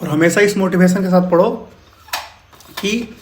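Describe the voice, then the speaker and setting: A man's voice: fairly high pitch, moderate pace, a little hiss or hum. A man with a Bihari accent teaching physics numericals in a casual, encouraging way, often calling his students brother. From India. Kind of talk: explaining exam problems.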